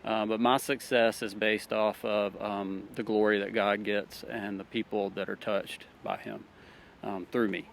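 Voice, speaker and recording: A man's voice: lowish voice, fairly even intonation, measured pace, creaky, slight background noise. Earnest Southern man from Alabama. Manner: earnest, many fillers and restarts. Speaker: interviewee, church worker. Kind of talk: casual street interview.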